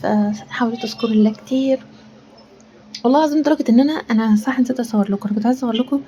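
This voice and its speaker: A woman's voice: fairly high pitch, very fast, dark tone. A woman with an Egyptian Arabic accent, hosting a casual cooking vlog from her kitchen, talking in an earnest, rambling way and now and then dropping to a whisper. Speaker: cooking channel host. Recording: dull lo-fi sound with faint room ambience.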